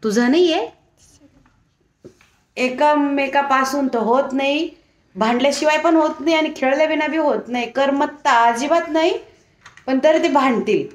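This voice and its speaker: A woman chats to her viewers in a casual home vlog. Her voice sits fairly high and turns playful and coaxing when she talks to a toddler. The sound is echoey, as in a bare room. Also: normal speed, long pauses. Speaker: vlogger.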